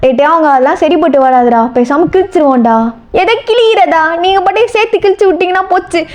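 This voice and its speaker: A woman's voice: high-pitched, fast, natural voice. Woman doing rowdy, panicking young lads. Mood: frantic. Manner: frantic, rowdy slang shouting. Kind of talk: storybook role-play.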